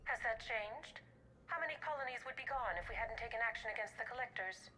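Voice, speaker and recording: An actress playing a cool, controlling female agent in a video game, speaking in a measured, quietly threatening way. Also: on the high side, expressive, noisy background, close to an everyday voice. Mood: cool, insistent. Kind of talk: dramatic game acting.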